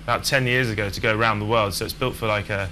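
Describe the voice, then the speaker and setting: A sailing skipper from England chatting casually in an interview, relaxed and full of fillers and restarts. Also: male voice, fairly low pitch, quick pace, a little hiss or hum.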